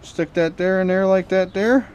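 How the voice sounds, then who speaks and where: Working through a repair, this hobby repair and scrapping video host mutters to himself in a folksy, informal ramble. His voice is high yet darkish and clean in tone, with fairly even intonation and a moderate pace.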